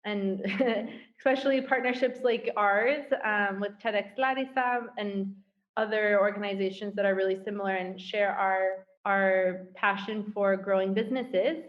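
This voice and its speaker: A woman's voice: mid-range voice, fairly even intonation, measured pace. Woman from the US, interview guest, upbeat and chatty, video call audio, slightly muffled. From United States. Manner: upbeat, chatty, laughs easily.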